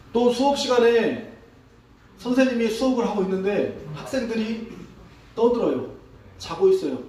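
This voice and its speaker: A man preaching as a pastor, asking his congregation questions in a relaxed, conversational sermon. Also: high-pitched. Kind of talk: interactive sermon. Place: church sanctuary. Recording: echoey hall, distant mic.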